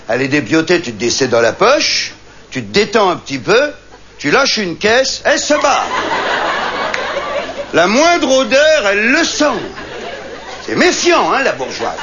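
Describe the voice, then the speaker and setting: Man, stand-up monologue, high animated voice, dull live recording with audience. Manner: boastful hunting-and-fishing bragger, chatty, colloquial. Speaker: stand-up comedian. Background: audience laughter.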